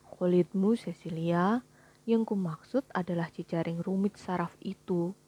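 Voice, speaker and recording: A woman voicing a calm, patient angel who explains things evenly, in a storybook reading, with a breathy voice. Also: medium pitch, measured pace, lo-fi sound.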